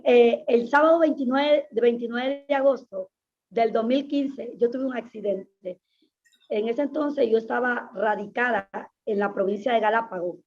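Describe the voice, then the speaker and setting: A woman's voice: a little high, darkish tone. A woman pastor giving an earnest, emphatic personal testimony in an interview, often repeating her phrases. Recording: dull lo-fi sound.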